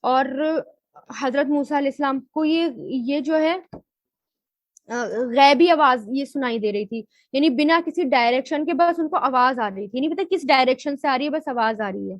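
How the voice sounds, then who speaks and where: Her voice sits high as she teaches Quran grammar and tafseer, and the recording is muffled with no room sound. She raises questions and answers them herself, slowing down when spelling out Arabic word forms.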